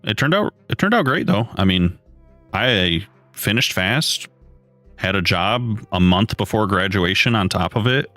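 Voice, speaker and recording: A man in his thirties chatting casually with his live chat while building, relaxed and rambling. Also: lowish voice, unhurried, dry recording. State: has the hiccups. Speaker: streamer. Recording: dry close mic, faint music behind.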